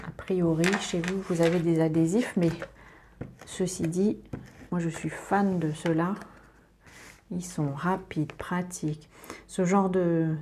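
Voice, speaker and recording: A woman's voice: lowish voice, darkish tone, a little hiss or hum. A woman giving a hands-on papercraft tutorial, chatting step by step with little asides as she works at her table. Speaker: papercraft demonstrator. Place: indoors at a craft table.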